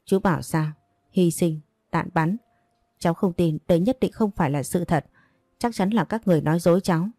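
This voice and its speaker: A woman voicing a grieving seventeen-year-old who pleads and insists, in a low, dark voice. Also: fairly quick, no room sound, close to an everyday voice. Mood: pleading. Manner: pleading, insistent, breaking into denial.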